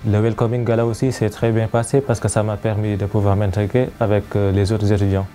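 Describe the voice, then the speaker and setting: A young man from Senegal, a student speaking calmly in a testimonial. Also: lowish voice, brisk, faint music behind.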